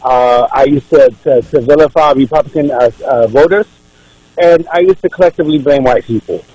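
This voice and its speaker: A man's voice: medium pitch, brisk, mellow, breathy edge, no room sound, poor audio. A man from Ethiopia, a political candidate guesting on a radio show, making his case earnestly and often repeating words as he restarts. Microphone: radio studio microphone.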